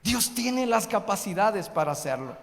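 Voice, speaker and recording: A man's voice: sits high, sing-song, normal speed, vocal fry. A man preaching a fervent sermon as a missionary, asking the congregation rhetorical questions. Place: church hall. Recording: long echo of a hall.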